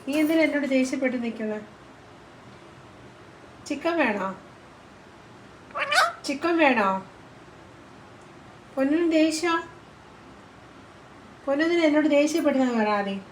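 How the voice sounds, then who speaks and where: Woman from kerala sweet-talking her parrot, high voice, echoey room. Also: lively intonation, a little slow, long pauses, slight background noise. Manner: coaxing, cooing baby talk to her bird. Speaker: vlogger. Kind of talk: home vlog talking to a pet parrot.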